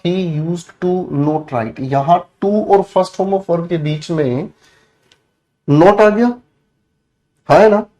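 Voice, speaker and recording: A man with a Hindi accent teaches English grammar online. His voice sits high, and he keeps an affectionate, joking tone with his students. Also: mellow. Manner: affectionate, calls students "beta" and "bhai", playful asides. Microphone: headset or studio mic.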